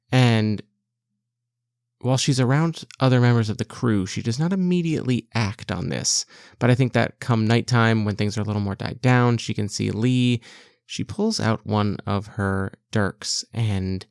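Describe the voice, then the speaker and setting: A man's voice: fairly low pitch, smooth, dry recording, studio quality. Man thinking aloud through a solo tabletop game.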